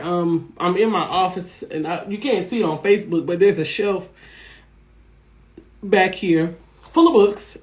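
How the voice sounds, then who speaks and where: Chatty woman coaching her viewers. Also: lowish voice. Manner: chatty and encouraging, checking in with "right?" and "okay?". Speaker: business coach. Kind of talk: casual motivational talk to viewers. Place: her office at home.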